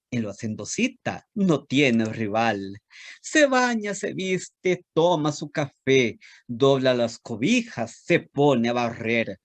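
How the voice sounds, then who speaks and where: A man with a Costa Rican accent lectures and then recites a children's poem with theatrical flair. He takes his time and lets his pitch rise and fall dramatically. The sound is close and dry. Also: no echo. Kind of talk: lecture with expressive poetry reading.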